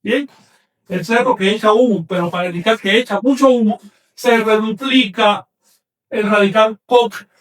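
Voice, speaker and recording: A man teaching an online class, slowly sounding out words syllable by syllable and correcting common mistakes firmly. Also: sits high, fairly bright tone, recorded from a distance. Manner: slow, emphatic spelling out of syllables; corrective, insistent.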